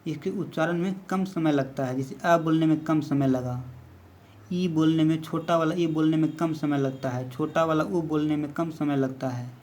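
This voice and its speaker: A man's voice: fairly high pitch, normal speed, darkish tone. A man teaching a basic grammar lesson, explaining step by step and counting letters aloud.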